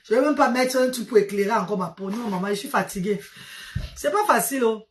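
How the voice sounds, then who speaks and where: A woman's voice: medium pitch, fast, a little hiss or hum. A tired woman hosting a casual live stream, greeting her viewers one by one and fondly calling them mother and sister. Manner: affectionate, calls viewers maman and sister.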